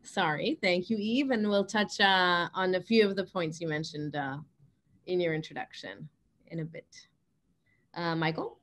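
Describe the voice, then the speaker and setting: A woman's voice: on the low side, a little slow, a bit bright. A woman opening and moderating an online panel discussion over a video call, speaking with many hesitant fillers. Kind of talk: webinar hosting.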